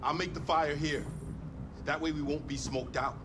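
A man playing a large, calm male android protector in a video game, speaking steadily and practically. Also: a little high, moderate pace, close to an everyday voice. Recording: game audio under stream noise.

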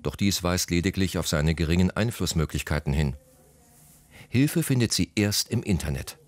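A man reading a scripted news voice-over in a measured, even way. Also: low-pitched. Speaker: news narrator.

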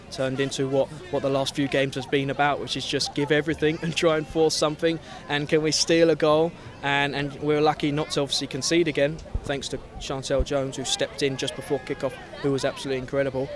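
Fast-talking male coach, steady flat tone. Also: mid-range voice. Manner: candid, reflective, many restarts. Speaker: head coach. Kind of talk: post-game interview. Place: outdoors at a floodlit field at night. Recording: stadium crowd behind.

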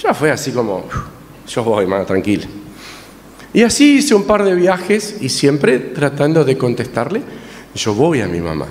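A man's voice: fairly high pitch, moderate pace. A man telling an interactive story to children at church, coaxing them to repeat lines after him. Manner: lively, coaxes the audience to repeat lines. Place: church hall. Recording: distant voice in a reverberant hall with faint noise.

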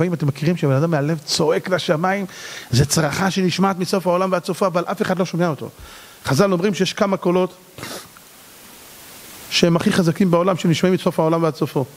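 A man, a rabbi, preaching a dramatic sermon, swinging between loud cries and low asides. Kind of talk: sermon to a congregation. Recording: long hall reverb.

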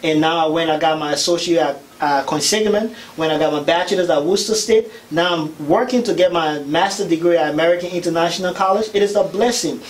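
A man's voice: a little high, a little fast, few pauses, poor audio. A young man from Liberia, a guest on a radio talk show, speaking earnestly and repeating words for emphasis into a studio mic. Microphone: studio boom mic.

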